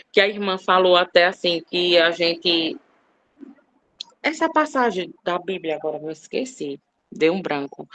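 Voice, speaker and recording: A woman's voice: on the low side, a bit bright, muffled recording. A woman in her thirties sharing a personal testimony in a class, hesitant and full of fillers, her voice rising with emotion. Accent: Brazilian Portuguese. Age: 30s. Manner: emotional, hesitant with many fillers, rising when she recalls scolding.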